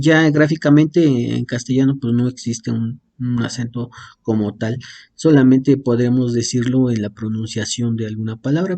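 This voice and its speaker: A man's voice: medium pitch, dark tone. A man explaining Greek marks as a teacher, hesitant, with many fillers and restarts, using homely comparisons. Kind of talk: explaining Greek accents to a class.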